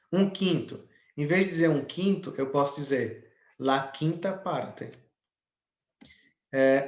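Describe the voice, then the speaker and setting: Male teacher, unhurried, mid-pitched, explanatory, roomy sound. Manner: slow, explanatory, checks in with "tá?" and "né?". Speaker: Spanish teacher. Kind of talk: online lesson.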